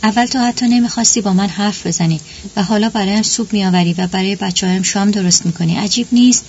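A woman's voice: mid-range voice, a little mellow, slightly rough. A woman narrator voicing a worried, tired heroine who asks anxious questions. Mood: surprised. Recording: dull lo-fi recording with faint hum.

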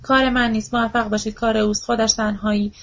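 A frantic old widow, shrill with grief, pleading and repeating herself over and over, as a woman reads her part aloud. Her voice sits fairly high but moves little, and the audiobook recording sounds dull and lo-fi. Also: little pitch movement, creaky.

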